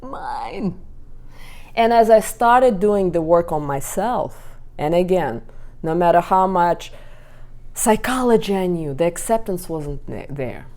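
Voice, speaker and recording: Woman, middle-aged, relationship coach, storytelling, warm mellow tone. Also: fairly low pitch, slow. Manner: storytelling, animated acting out of quotes. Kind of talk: talk to a live group.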